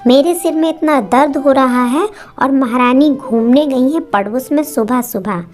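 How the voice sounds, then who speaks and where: Woman putting on a shrill scolding mother-in-law. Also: unhurried, soft background music. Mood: angry scolding. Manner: shouting, taunting, sarcastic. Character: sharp-tongued scolding Indian mother-in-law, middle-aged woman.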